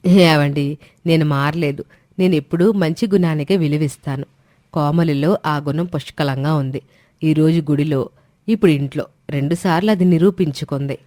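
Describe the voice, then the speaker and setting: A woman voicing a proud, stern middle-aged mother-in-law in a storybook drama, speaking forcefully. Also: low-pitched, moderate pace, no room sound, studio quality, lightly acted. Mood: firm. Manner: forceful, scolding.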